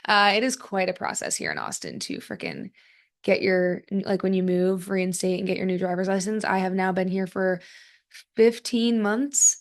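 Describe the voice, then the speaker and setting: A woman's voice: mid-range voice, animated, normal speed. A young woman hosting her own podcast, talking casually and animatedly with lots of fillers, from her home office. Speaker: podcast host. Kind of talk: casual solo podcast talk. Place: home office with a fan running.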